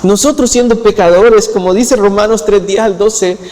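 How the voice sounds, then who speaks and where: A man preaching a sermon in a church hall, his voice sitting a little high for a man. The sound carries a long reverb from the room. He retells scripture plainly and lifts his pitch as he drives a point home. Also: fairly even intonation, moderate pace, darkish tone. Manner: retells scripture in acted quotes, lowering his voice for them; rises in pitch when pressing a point. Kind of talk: expository sermon.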